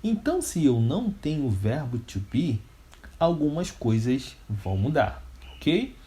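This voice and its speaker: A man's voice: mid-range voice, big pitch swings, a little slow, mellow. A man with a Brazilian Portuguese accent teaching an English grammar lesson step by step, asking questions and answering them himself. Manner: didactic, step by step.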